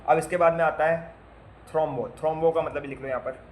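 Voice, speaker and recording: A man's fairly high, slightly mellow voice moves at a quick pace with fairly even intonation, over a little hiss or hum. He's giving nursing students an informal lecture on basic medical terms. He spells and repeats word parts and quizzes them with playful asides.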